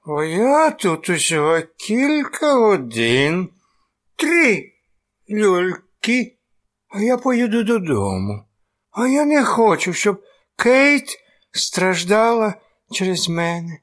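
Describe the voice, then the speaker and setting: A man's voice: high voice, big pitch swings, slow, fairly bright tone, heavily acted. An actor playing a dazed, rambling male opium addict in a radio play, slurring and giggling.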